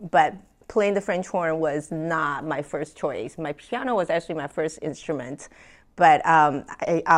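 A woman from Taiwan, a French horn player, is the guest in a conversational interview. Her voice sits deep for a woman, and she tells her stories animatedly, with plenty of ums and small laughs.

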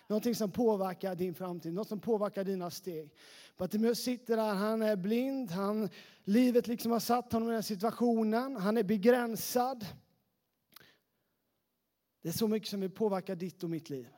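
A youth pastor with a high voice preaches a lively, casual sermon to a young congregation. He is chatty, and fillers pepper his speech.

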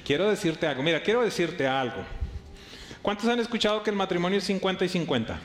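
A male pastor preaching to his congregation in a lively way, slipping into his listeners' voices and joking with them. His voice sits a little high. The sound rings through an echoey hall, with a faint hum of background noise. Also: fast talker. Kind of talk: live sermon to a congregation. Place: church hall before a congregation.

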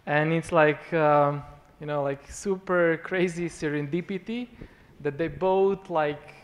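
Higher-voiced Slovenian man switching between two languages. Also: fairly even intonation, slow, big-room sound. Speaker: event host. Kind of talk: informal live event hosting.

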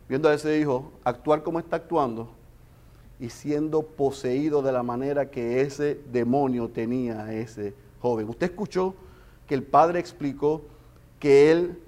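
Pastor, male, somewhat high voice; fervent sermon, loud peaks and hushed stretches. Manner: impassioned, swings between loud emphasis and hushed storytelling.

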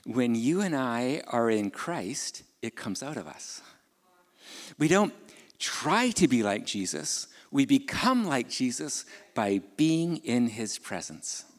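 A male pastor gives a sermon in an easy, conversational manner, putting questions to his listeners and stepping aside for informal remarks. His voice sits at an ordinary middle pitch. The sound carries a long reverb, as in a large church hall. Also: sing-song, slow. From Ukraine.

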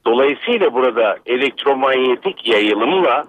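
A man from Bursa, an electrical engineer, calling a radio show over a landline phone and explaining in a measured, lecturing way with many hesitant fillers. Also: medium pitch, expressive, no room sound. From Bursa, Turkey. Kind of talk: explanatory call-in commentary. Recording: dull lo-fi phone line.

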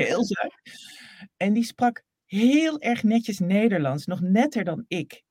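Husky lady voice coach chatting, acts out the convos, dry close mic. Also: medium pitch, slow, no room sound. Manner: animated storyteller acting out dialogue. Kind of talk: casual interview talk.

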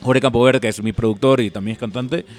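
A man's voice: medium pitch, fast. Young man. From Guayaquil, Ecuador. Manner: relaxed, rambling with many fillers. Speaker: musician and producer guest. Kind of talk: casual interview chat.

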